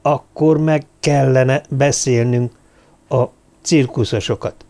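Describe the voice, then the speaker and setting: A man reading aloud and voicing a volatile police lieutenant who presses slowly and flares into yelling. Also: medium pitch, steady tone, natural voice. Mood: calmer. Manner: slow, pressing, bursts into yelling. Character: hot-tempered male police lieutenant, volatile.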